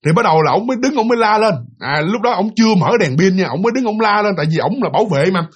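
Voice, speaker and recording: A man with a Southern Vietnamese accent, casually retelling a ghost story in an animated way, full of fillers and repeated words. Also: sits high, racing, breathy edge.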